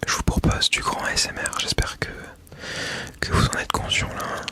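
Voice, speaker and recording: A man whispering breathily in a casual ASMR style, chatting about products with a tongue-in-cheek, mock-solemn manner into a small wireless mic. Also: normal speed. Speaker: ASMR video creator. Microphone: small clip-on wireless mic being tested.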